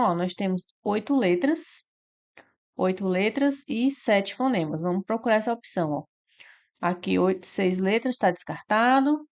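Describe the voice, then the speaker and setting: A woman, teaching an exam-prep lesson and walking through each answer step by step with frequent tag questions. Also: mid-range voice.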